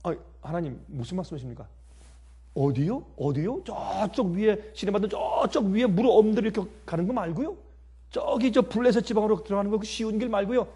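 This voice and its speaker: A man's voice: high voice, fairly quick, warm tone, slightly rough, full character voice. A man voicing an anxious old male prophet who questions God in pleading, incredulous tones during a sermon.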